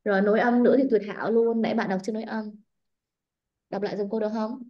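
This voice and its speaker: A woman with a Vietnamese accent runs a live online English speaking class. She reads model answers slowly and then explains in quick, animated bursts. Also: mid-range voice, dull audio. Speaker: English teacher.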